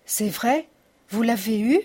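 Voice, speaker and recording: A woman's voice: on the high side, expressive, takes it slowly, dark tone, breathy edge, heavily acted. A woman voicing an impatient, anxious king in an audiobook. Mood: urgent. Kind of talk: audiobook reading.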